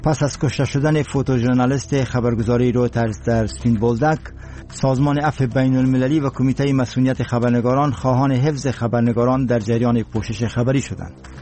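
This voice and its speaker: A man's voice: medium pitch, steady tone, mellow, soft background music. A man with an Afghan accent reading scripted radio news headlines as a presenter, in a solemn and formal manner.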